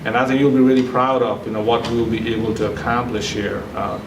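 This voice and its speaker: A man from Nepal speaks at a grant ceremony, with halting phrasing and frequent fillers. He sounds far from the mic in an echoey room with noise behind him. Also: medium pitch, flat delivery, creaky, dull audio. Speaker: center director. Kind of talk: ceremony speech.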